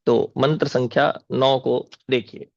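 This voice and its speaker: A man from North India, a spiritual teacher, gives a deliberate scripture commentary lecture and repeats Sanskrit words aloud as he explains them. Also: mid-range voice, gravelly, darkish tone, no room sound. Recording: dull, dry lo-fi recording.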